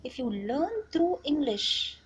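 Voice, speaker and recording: High-pitched South Indian woman teaching. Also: animated, takes it slowly. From Chennai, South India. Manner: instructive, checks in with short tag questions. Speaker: English teacher. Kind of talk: explanatory lesson, reading a text aloud and paraphrasing it. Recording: noticeable background noise.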